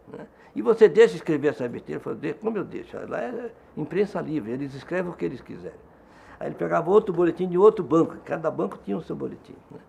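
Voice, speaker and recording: A man's voice: medium pitch, creaky. An older Brazilian man in an interview, telling a story with acted-out dialogue. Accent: Brazilian Portuguese. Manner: animated anecdote with acted-out dialogue. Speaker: interviewee, former bank union activist. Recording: faint background noise.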